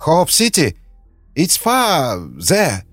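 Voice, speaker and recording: A man's voice: fairly high pitch, huge pitch swings, dry recording, pitched above the performer's own voice, exaggerated voice. A man putting on a frightened hunter in broken English. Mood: nervous, pleading. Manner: pleading, halting broken English. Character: scared foreign male hunter, middle-aged, broken English. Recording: dry studio with faint music.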